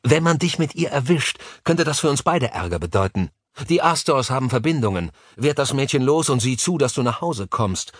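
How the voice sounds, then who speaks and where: A man's voice: medium pitch, animated, normal speed, no room sound, clean studio sound, voice pushed up, natural voice. A male narrator voicing a nervous, cynical male business partner talking on the phone in an audiobook. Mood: tense, cynical.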